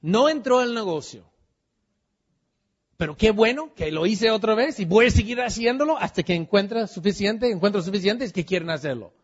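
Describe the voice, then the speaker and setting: A man's voice: high-pitched, animated, moderate pace, breathy edge. A man giving a motivational talk to a live audience. He keeps asking the crowd questions and drops English fillers into his talk. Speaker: motivational speaker at a business meeting. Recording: dull lo-fi recording.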